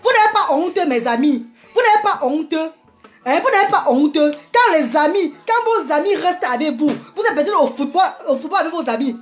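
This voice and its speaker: A woman vlogger with a high voice delivers a heated monologue to her viewers. She scolds them with indignant repetition, often breaking off and restarting her sentences. She addresses them warmly as "maman" even while she berates them. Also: normal speed, faint music behind. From Africa. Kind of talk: impassioned ranting monologue.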